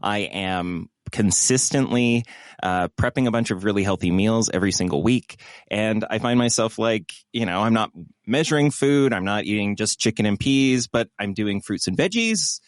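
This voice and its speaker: A man's voice: on the low side, lively intonation, normal speed, dry recording, clean studio sound. A man co-hosting a podcast, chatting casually in a rambling, self-mocking way with lots of fillers. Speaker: podcast co-host. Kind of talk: casual chat.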